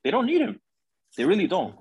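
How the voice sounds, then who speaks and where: A man's voice: high-pitched, huge pitch swings, brisk, darkish tone, slightly rough. A young man bantering about sports, slangy and insistent, often repeating himself to get a word in. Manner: slangy, repetitive, insistent, interjecting. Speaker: sports podcast panelist.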